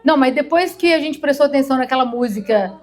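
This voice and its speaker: A woman's voice: high voice, lively intonation, fast, darkish tone. A woman in her fifties with a Mineiro Brazilian accent, preaching an informal sermon in a chatty, emotional way, acting out little stories. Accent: Mineiro Brazilian Portuguese. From Minas Gerais, Brazil. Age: 50s. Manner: chatty, emotional, storytelling with acted-out quotes. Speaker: therapist preaching to a congregation.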